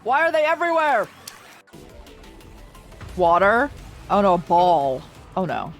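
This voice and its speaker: A woman streaming a game, chatting casually and reacting loudly with frequent laughs, her voice slightly hoarse. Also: mid-range voice, a little slow. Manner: animated, reactive, laughs often. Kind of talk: casual live-stream commentary. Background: faint game music.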